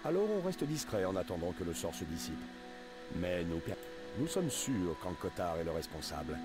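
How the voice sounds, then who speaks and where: A deep, weary game innkeeper. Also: male voice, sing-song, normal speed. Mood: weary pleading. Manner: formal, courteous, pleading. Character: polite weary male village innkeeper, invisible. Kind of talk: dubbed video game dialogue. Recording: game voice over clear game music.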